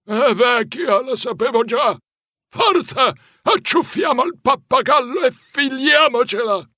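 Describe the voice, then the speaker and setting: Storybook villain: scolding male gang boss, man voicing, high and husky, dry read. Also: lively intonation, slow, bright, forceful tone, dry recording, heavily acted. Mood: bossy. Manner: barking, scolding. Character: bossy crook gang leader, male, gruff.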